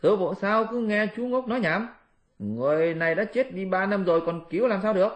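A man doing a sharp mocking monkey warrior. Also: animated, fairly quick. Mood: impatient. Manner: scolding, threatening, raised pitch.

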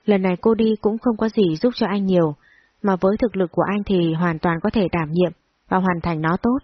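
Husky woman narrating a romance story. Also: medium pitch, fairly even intonation, a little fast, no room sound. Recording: dull lo-fi recording, dry.

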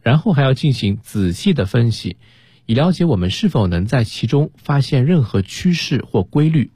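A man's voice: mid-range voice, big pitch swings, moderate pace, warm tone, slightly rough, dry recording. A man co-hosting a radio English lesson, giving chatty explanations of words to listeners. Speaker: co-host teacher. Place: radio studio.

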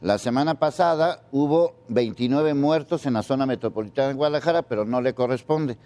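A man's voice: medium pitch, a little fast, dark tone. A man giving indignant news commentary, repeating pointed rhetorical questions.

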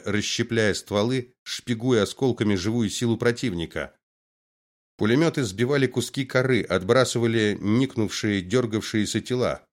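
A man narrating a science fiction audiobook in a brisk, dramatic reading style. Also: on the low side. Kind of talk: scripted narration.

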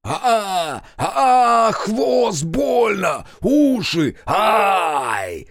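A man's voice: medium pitch, sing-song, measured pace, dry recording, studio quality, pitched above the performer's own voice. A man voicing a brash, insolent captive creature with long ears, who howls and snarls his words. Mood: howling in pain. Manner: howling, shouting and snarling.

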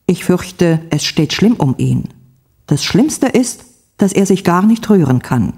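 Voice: mid-range voice, very animated, a little slow, darkish tone, husky, exaggerated voice. A reader voicing a worried young wife who speaks anxiously, in a textbook story reading.

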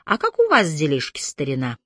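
A woman's voice: sits low, wildly swooping pitch, fairly quick, breathy edge, no echo, clean studio sound, exaggerated voice. A woman reading an audiobook voices a cheeky, chatty young actress with breezy banter. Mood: chirpy.

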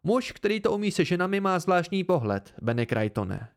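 Man doing a bold young barmaid, teasing, proud, higher voice. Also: very animated. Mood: insistent.

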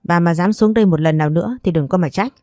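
A woman's voice: fairly low pitch, fast, darkish tone, dry recording, studio quality, natural voice. Woman doing a fierce scolding mother. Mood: angry. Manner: scolding, blunt. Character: fierce protective mother, middle-aged woman.

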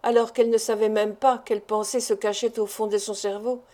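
A woman, an audiobook reader, narrating a classic novel in a measured, deliberate way. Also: mid-range voice, flat delivery, warm tone. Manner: measured, deliberate literary reading.

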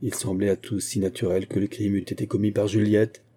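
A man reading a nineteenth-century novella aloud in a steady, literary way. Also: on the low side, brisk. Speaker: audiobook reader. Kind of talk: scripted narration.

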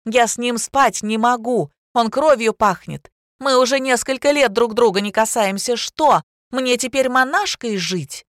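Lady reading as a brazen young mistress, high and yelling, dry close sound. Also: very animated, moderate pace, no room sound. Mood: shrill accusing. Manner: shrill, loud, accusing. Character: brazen young woman, shrill and defiant.

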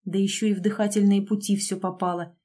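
A woman narrating a first-person audiobook story in a brisk, wry manner, voicing the dialogue herself. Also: medium pitch, little pitch movement, warm tone.

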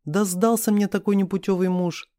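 A sharp-tongued young wife, tipsy and indignant, as a man reading the story puts her on. Her voice rides high and mellow, close and dry. She snaps back in quick bursts. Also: fairly even intonation, no room sound, close to an everyday voice. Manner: indignant, raised voice.

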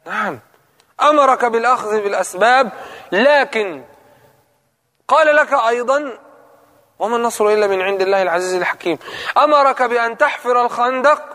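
A man's voice: high-pitched, sharp tone. Man preaching in a reverberant hall. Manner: questions the listeners and repeats key points. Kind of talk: religious lesson.

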